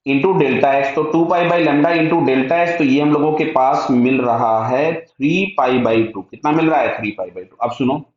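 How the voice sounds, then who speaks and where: In a mid-range voice at a measured pace and with few pauses, a man with an Indian accent walks through a physics problem aloud step by step. He switches between Hindi and English technical terms, asking brief check questions he answers himself. The recording is muffled and dull, in a heavily echoing room.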